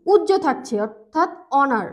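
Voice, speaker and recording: High-voiced woman teaching grammar. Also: animated. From Bangladesh. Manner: patient, repeats key words slowly, frequent fillers. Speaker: English teacher. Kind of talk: grammar lesson explanation.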